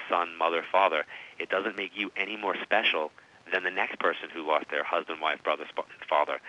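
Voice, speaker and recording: A man's voice: sits low, sharp tone. A man in his forties, a psychic medium being interviewed, talking emphatically and telling stories. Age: 40s. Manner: emphatic, storytelling. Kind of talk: interview conversation. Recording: dull radio-style audio.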